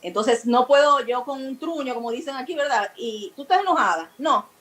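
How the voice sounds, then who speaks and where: A woman guest on a talk show explains relationship communication in a didactic, example-filled way. Her voice sits slightly high. A faint hiss runs under the recording. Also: lively intonation, fairly quick, a bit bright, poor audio. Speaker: guest expert on emotional communication.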